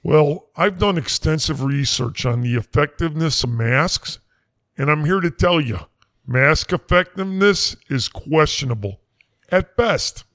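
A man's voice: a little high, expressive, measured pace, fairly bright tone, no room sound, clean studio sound. A man doing a brash folksy quack doctor with a twang. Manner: rambling, brash, folksy slang. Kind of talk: comedy sketch acting.

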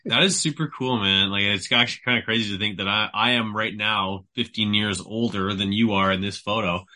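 A man's voice: lowish voice, steady tone, fairly quick, pushed and bright. A man in his thirties hosting a podcast interview, asking enthusiastic, hesitant questions full of "like". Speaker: podcast host. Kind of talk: casual interview.

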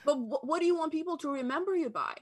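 A woman's voice: sits high, a crowd in the background. A woman from Albania, a podcast guest, talking bluntly and candidly in casual interview chat. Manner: blunt, candid, talks fast and eagerly.

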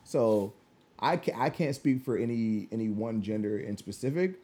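A young man talks as a podcast co-host in a relaxed, dark-toned voice. His delivery is laid-back and slangy, peppered with swearing. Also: fairly low pitch, normal speed. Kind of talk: casual chat.

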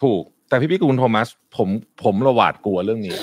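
A man talks fast with an animated, swooping delivery on a current-affairs talk show. He politely cuts in and moves quickly from one point to the next. The sound is dry and close. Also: mid-range voice, no echo. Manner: lively, apologetic interjections, quick laughs. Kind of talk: casual discussion of current affairs.

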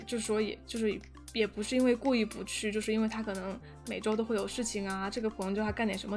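A young woman telling a story in casual chat, animated and full of fillers and restarts. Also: on the high side. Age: young adult. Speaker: podcast guest storyteller.

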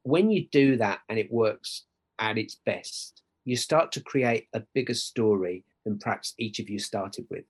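A man's voice: on the low side, a little slow, husky. A middle-aged man with an Essex accent tells personal stories as a podcast guest, in an earnest, emphatic way, often checking in with "right?". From Essex, England. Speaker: podcast guest, church worker. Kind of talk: conversational personal storytelling.

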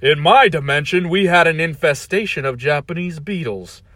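A cold megalomaniac lays out his plans slowly and loudly, every word heavy with menace, as a man plays him. His voice is bright and close, on a dry recording. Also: fairly high pitch, lively intonation, no echo, pitched above the performer's own voice. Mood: gloating. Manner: slow, loud, menacing.

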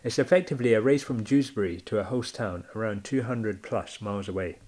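A man presents a community podcast in a friendly, chatty way. His voice sits a little low, and he moves easily between thanking contributors and introducing the next clip. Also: a little fast, a little mellow. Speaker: podcast host.

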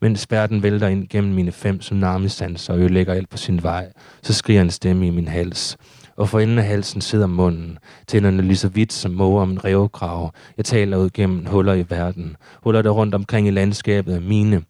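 A man reading his own surreal prose poetry aloud in a steady, measured recitation. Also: sits low, no echo, studio quality.

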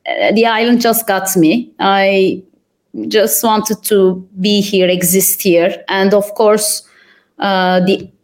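A young adult woman from Turkey, a podcast guest, answering thoughtfully with frequent pauses and fillers. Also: medium pitch, fairly even intonation. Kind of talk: conversational interview answers.

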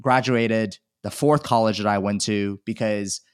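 Here a man from China in his thirties, who sells online, tells his story openly during a relaxed podcast interview, talkative and self-mocking. His fairly low voice is steady and unhurried, recorded dry and clean in a studio.

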